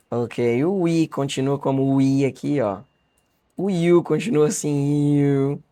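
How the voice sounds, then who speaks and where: A Brazilian man with a Brazilian Portuguese accent, teaching a beginner lesson online in a chatty, encouraging way and repeating words slowly for practice. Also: fairly high pitch, warm tone. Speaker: English teacher. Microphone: webcam or camera facing him.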